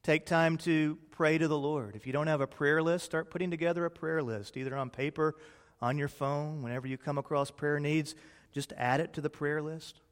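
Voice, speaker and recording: A middle-aged man preaches from the pulpit with a somewhat high voice. His delivery swings from loud emphasis to quiet, hushed moments. A long reverb from the church hall trails behind his words. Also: fairly even intonation, normal speed. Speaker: pastor. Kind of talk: sermon.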